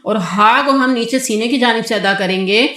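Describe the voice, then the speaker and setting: A woman with a somewhat high voice teaches a child how to pronounce Quranic letters. She explains patiently and draws out sung syllables for the child to echo. The recording sounds echoey, as if made in a bare room. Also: sharp tone. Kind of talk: tajweed lesson with a child.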